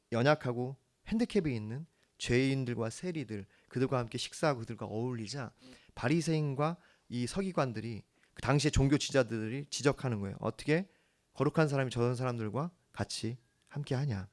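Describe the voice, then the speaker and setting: A man preaching a sermon as the church's pastor, earnest, swinging from hushed lines to emphatic ones. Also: mid-range voice.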